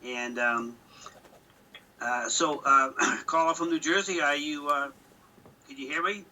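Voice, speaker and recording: A man hosting a radio call-in show in a halting, deliberate way. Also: fairly high pitch, sharp tone. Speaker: radio host. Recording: distant, noisy, harsh radio sound.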